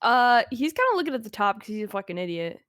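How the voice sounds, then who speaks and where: A woman's voice: a little high, big pitch swings, quick pace, a bit bright, a little hiss or hum. A woman playing a tabletop game, jokey and brash. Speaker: player.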